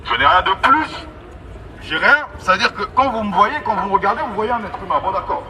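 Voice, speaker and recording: Over a loud crowd and street traffic, a man preaches an evangelistic sermon through a megaphone outdoors in an urban street, emphatic, repetitive and exhorting. His voice is high and expressive, fairly quick, captured in a distant, noisy recording.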